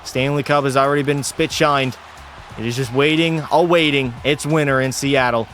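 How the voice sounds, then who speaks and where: A young man hosting a gaming channel, giving play-by-play commentary and swinging from calm calls to swearing outbursts. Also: medium pitch, moderate pace, soft background music.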